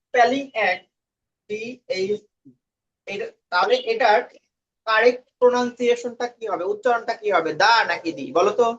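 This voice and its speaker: A man's voice: sits high, normal speed, fairly bright tone. Guy teaching a class, keeps asking the students questions, dull lo-fi sound. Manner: quizzes students, mixes English words into his talk. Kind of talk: classroom English lesson. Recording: dull lo-fi recording.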